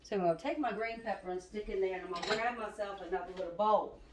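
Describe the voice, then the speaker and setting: Speaking fast at medium pitch over background noise, a home cooking video host walks viewers through a recipe, a bit breathless. She's chatty, calls her audience "y'all," and dishes clatter and knives chop loudly around her roomy kitchen.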